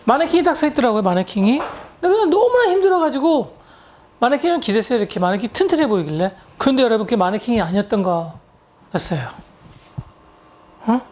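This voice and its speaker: Woman English tutor from Korea, fairly high voice, chatty storytelling lecture style with English words mixed in. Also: big pitch swings, fairly quick, pauses often, a little mellow.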